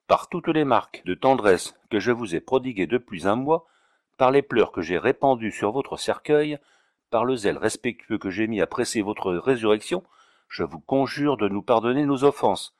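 A man reading aloud, voicing a gentle young woman who speaks in an imploring way. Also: medium pitch, animated, moderate pace, dry recording, clean studio sound, lightly acted. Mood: pleading.

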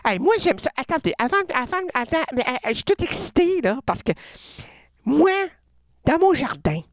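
A performer voicing an excitable, rambling female caller with a Quebec French accent in a comedic radio sketch. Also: very high voice, a little slow, no echo, clean studio sound, voice pushed up, full character voice. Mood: gushing. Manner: gushing, giggly, rambling.

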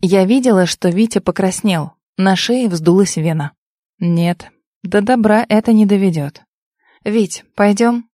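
A woman's voice: medium pitch, measured pace, mellow, dry recording. Woman narrating a dry audiobook. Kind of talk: first-person audiobook narration.

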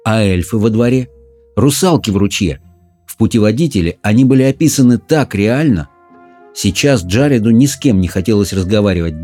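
A man narrating an audiobook in an even, measured reading. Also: lowish voice, husky. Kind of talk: scripted narration.

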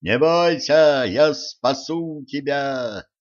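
A man voicing a bold young hero-prince who bellows slow, drawn-out challenges, on a dull lo-fi recording. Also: medium pitch, voice pushed up. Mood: bellowing challenge. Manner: shouting, drawn-out, heroic. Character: young male hero-prince, loud, bombastic.

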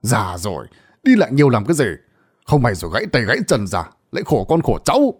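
A man voicing a fat, drunken middle-aged son who scolds his mother loudly and impatiently. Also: mid-range voice, big pitch swings, quick pace, breathy edge. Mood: dismissive.

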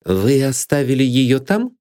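A man voicing a dry, sharp lawyer who questions in an audiobook. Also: mid-range voice, very animated, measured pace, pitched above the performer's own voice. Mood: dry, probing. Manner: dry and probing.

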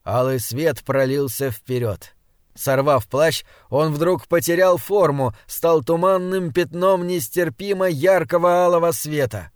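Male narrator, dramatic steady read, slightly high voice, dry studio. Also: unhurried, no echo. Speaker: audiobook narrator. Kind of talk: scripted narration.

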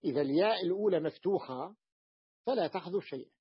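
A man with a husky voice teaches a grammar lesson, drilling example words slowly and asking his students whether they noticed. The recording is dull and dry, with no room sound. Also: sits high, expressive, no room sound. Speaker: teacher explaining Arabic morphology.

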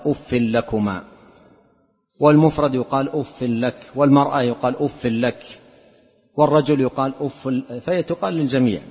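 A man giving a religious lesson, explaining a narration in a measured way and often repeating or restarting words. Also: medium pitch. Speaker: Islamic scholar teaching a lesson. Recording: dull lo-fi lecture recording with long hall reverb.

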